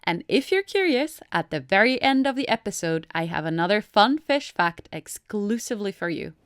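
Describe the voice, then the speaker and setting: A woman hosts a podcast with a bouncy, animated voice that swings freely up and down. She keeps the chat playful and teasing with her guest. The sound is dry and close, with no room echo. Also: mid-range voice, moderate pace. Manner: lively and playful, joking with the guest. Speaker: podcast host. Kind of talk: casual interview chat.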